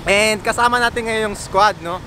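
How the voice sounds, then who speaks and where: A man with a Filipino accent hosting a casual hiking vlog outdoors, excited and whooping. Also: high voice, moderate pace, slight background noise. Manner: excited, loud whoops and laughs. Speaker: vlogger host. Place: outdoors on a hillside trail.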